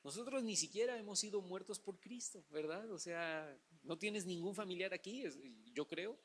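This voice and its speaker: Man preaching a Sunday sermon. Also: high-pitched. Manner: preaching, addresses the congregation as brother, dramatizes Bible stories. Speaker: pastor.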